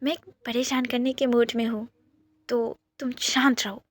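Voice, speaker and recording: A woman doing a loud teasing brother. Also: a little high, little pitch movement, unhurried. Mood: teasing, mock-indignant. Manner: loud, mock-outraged teasing. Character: teasing protective young adult brother.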